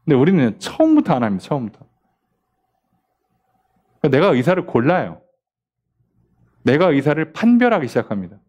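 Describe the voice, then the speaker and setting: Animated pastor teaching a Bible study. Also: male voice, on the high side, brisk, long pauses. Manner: conversational preaching with rhetorical questions and acted-out quotes.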